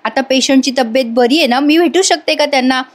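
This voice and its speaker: A kind, caring young woman who speaks gently and with concern, read by a woman in a recap voice-over. The voice is high. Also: a little fast, natural voice.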